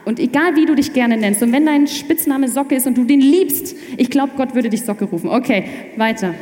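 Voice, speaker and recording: A young woman telling her faith story in casual chat, animated and quick to restart her sentences. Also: high-pitched. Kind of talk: personal testimony in casual chat. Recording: echoey room with long reverb.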